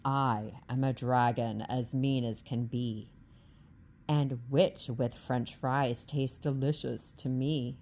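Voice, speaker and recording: A mean, hungry storybook dragon, put on by a woman reading aloud speaks low and drags out each word. He growls with menace, then turns cowardly when scared off. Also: fairly even intonation, slow, darkish tone, full character voice. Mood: menacing.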